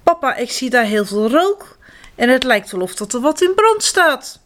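A woman voicing a lively, brave little girl, high and excited. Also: normal speed, slight background noise.

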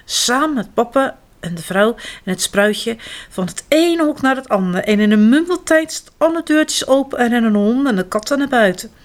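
A woman reading a children's story aloud, expressive and animated. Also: fairly high pitch, normal speed. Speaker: narrator.

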